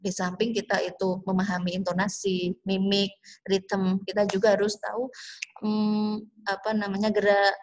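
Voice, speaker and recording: Indonesian-accented woman teacher, slow and explanatory, lecturing a class. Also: medium pitch, monotone. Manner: slow, explanatory, drawn-out English phrases. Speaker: English teacher. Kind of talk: online class lecture mixing English and Indonesian.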